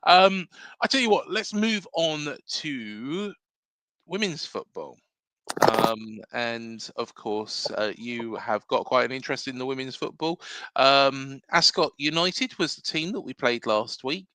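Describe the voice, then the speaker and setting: A man's voice: mid-range voice, unhurried, bright, forceful tone. An English man hosting a casual football fan livestream, rambling with lots of fillers and reading out viewer comments. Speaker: football podcast host.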